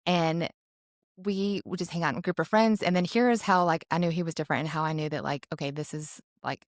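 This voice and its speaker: A young adult woman co-hosting a podcast tells a personal story casually, full of "like" and restarts, correcting herself often and growing animated when quoting herself. Her voice is on the low side and quick, in a dry, clean studio recording.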